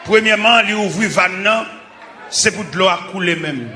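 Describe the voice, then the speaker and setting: A man with a Haitian accent preaching a sermon, calling out fervently in short, shouted bursts. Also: high voice, measured pace, a loud crowd. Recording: echoey church with congregation and noise.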